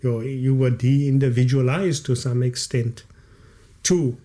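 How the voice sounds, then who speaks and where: A Kaaps-speaking South African man in his late fifties, a guest author, speaks slowly and reflectively on a podcast. His warm, medium-pitched voice stays fairly even, lengthening key words for emphasis. He records in the studio on a condenser mic with headphones.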